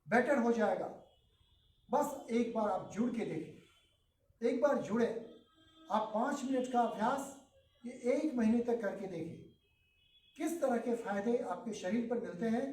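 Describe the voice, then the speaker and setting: A man teaching children a yoga breathing lesson in a calm, instructive way, mixing in English terms. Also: extremely high pitch, roomy sound, recorded from a distance, rough recording.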